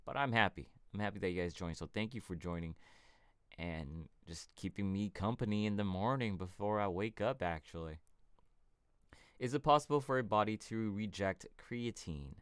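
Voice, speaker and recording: A man with a very low, smooth voice hosts a casual fitness livestream, answering viewer questions in a relaxed, rambling way. He is from California. The sound is close and dry, with no room around it. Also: normal speed, dry recording. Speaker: fitness channel host.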